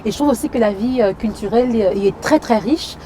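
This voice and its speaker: Mellow-voiced woman chatting outdoors. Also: a little high, fast talker, slight background noise. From Cameroon. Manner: lively, frequent fillers and "tu vois". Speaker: actress and singer, guest. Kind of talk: casual interview chat.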